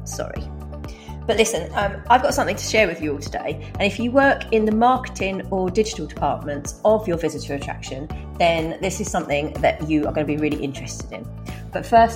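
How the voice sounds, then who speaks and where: A woman's voice: low voice, a little mellow. A woman with a twangy Essex accent hosting a podcast solo, speaking directly to listeners in an informal, self-deprecating, chatty way. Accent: Essex, England. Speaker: podcast host.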